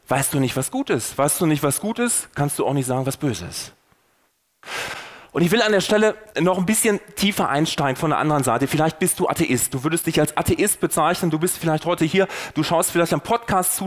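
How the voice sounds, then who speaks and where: A man hosting a faith podcast, preaching earnestly and putting rhetorical questions straight to the listener. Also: on the high side. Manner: earnest and persuasive, rising and falling for emphasis. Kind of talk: sermon-style podcast talk.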